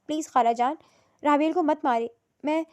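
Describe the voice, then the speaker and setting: A woman's voice: high-pitched, a little mellow, close to an everyday voice. A woman voicing a tearful young bride who pleads through her crying. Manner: weepy, pleading.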